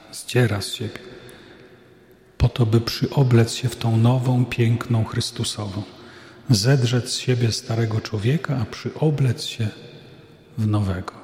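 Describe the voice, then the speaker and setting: Slow-talking man in an echoey hall. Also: on the low side, a little mellow. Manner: unhurried and conversational, with asides. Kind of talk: sermon-like talk.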